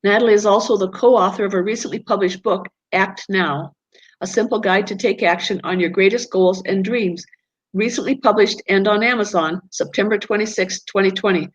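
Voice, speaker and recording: A woman's voice: medium pitch, normal speed. Woman, host, appreciative, reads introductions, video call, slightly dull audio. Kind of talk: hosting an interview.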